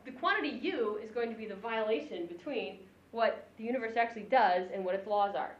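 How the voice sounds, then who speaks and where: Woman physics lecturer, brighter-pitched, playful classroom delivery, roomy lo-fi recording. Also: a little fast, slight background noise. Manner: animated, joking, chuckles between points. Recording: echoey, dull lo-fi room recording.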